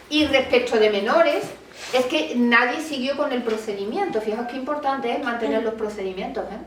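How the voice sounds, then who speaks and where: A woman speaks as a lawyer at a colloquium, telling a case in animated fashion and playing out both sides of the dialogue. Her voice sits a little high. She is picked up from some distance in a roomy hall with faint ambience. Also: a little hiss or hum. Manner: animated storytelling, acts out quoted dialogue. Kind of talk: talk at a public colloquium. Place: meeting room.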